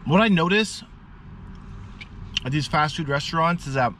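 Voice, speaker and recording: A man's voice: a little high, moderate pace, a little hiss or hum. Man talking while chewing food. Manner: relaxed, chatty, musing. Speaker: food vlogger. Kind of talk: casual food review.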